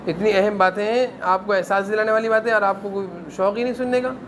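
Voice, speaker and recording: A man's voice: high-pitched, flat delivery, a little hiss or hum. A man teaching a class of children at a madrasa, sternly correcting them and making them answer together.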